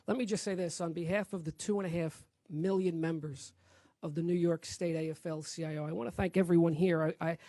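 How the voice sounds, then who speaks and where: Brisk man thanking people at a podium. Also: on the high side, dark tone, no room sound. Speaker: state labor federation president. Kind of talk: press conference speech.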